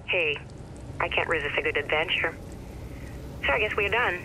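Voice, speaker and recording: A woman's voice: lowish voice, animated, normal speed, close to an everyday voice. An actress playing a cool, loyal young female hacker in a video game, understated and a little hesitant. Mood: subdued. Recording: phone call with rain and noise.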